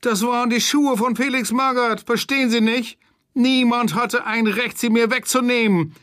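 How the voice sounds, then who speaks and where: A man's voice: sits high, very animated, measured pace, a bit bright, dry recording, studio quality, voice pushed up, heavily acted. A man putting on a whiny sniveling crook. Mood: whining. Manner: whiny, tearful pleading. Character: sniveling middle-aged male fan thief.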